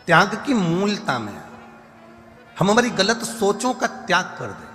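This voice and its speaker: A man delivers a devotional sermon with a fairly high voice, driving home his points in repeated lists. The sound carries a long reverb from a large hall, with faint music underneath. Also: wildly swooping pitch, a little slow, pushed and bright. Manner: repetitive emphatic lists, breaks into song. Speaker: katha preacher. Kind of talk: devotional sermon with sung verses.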